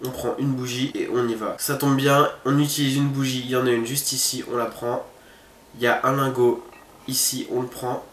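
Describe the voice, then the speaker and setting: A man's voice: mid-range voice, little pitch movement, normal speed, a bit bright. A man giving casual let's-play commentary, thinking aloud and chatting informally to his viewers. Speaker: gamer hosting a horror game video. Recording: roomy echo, faint background noise.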